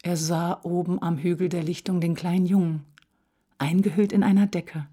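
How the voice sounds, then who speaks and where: A woman narrating a children's storybook in a calm, measured reading voice. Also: fairly low pitch, breathy edge.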